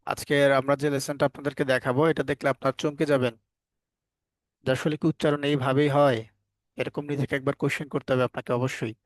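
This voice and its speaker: A man's voice: medium pitch, little pitch movement, fast talker, dry recording. A man teaching a live online English phonics class, asking the students questions over and over and scolding them firmly at times.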